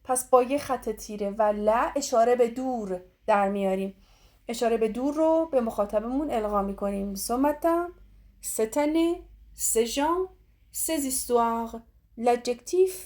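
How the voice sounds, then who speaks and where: A middle-aged woman from Iran teaching French grammar. She says French phrases slowly and carefully, then explains quickly in another language. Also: sits high, darkish tone. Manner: slow deliberate French model phrases, quick Persian explanations. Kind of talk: grammar lesson explaining in Persian.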